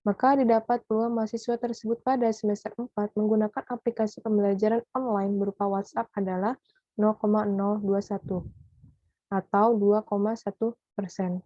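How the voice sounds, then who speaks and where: A young woman, a student presenter, reading worked probability examples aloud in a measured way. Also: medium pitch, flat delivery, mellow, no echo, faint music behind. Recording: dull lo-fi dry recording.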